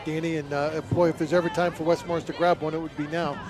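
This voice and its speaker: A man's voice: a little high, little pitch movement, quick pace. A man working as a football color commentator, analyzing plays and formations in a conversational way. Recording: loud music and crowd behind the voice.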